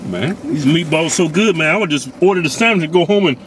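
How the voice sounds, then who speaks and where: A man's voice: fairly high pitch, animated, quick pace, fairly bright tone, slight background noise. A man talking through a full mouth while chewing, in a casual, slangy food review chat. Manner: slangy and profane, savoring food. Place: inside a parked car.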